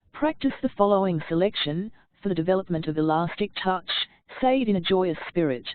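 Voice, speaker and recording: Female audiobook narrator, lowish voice, measured recitation, dry phone-quality audio. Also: no room sound. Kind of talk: audiobook reading of verse and instruction. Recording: tinny phone-like sound, dry.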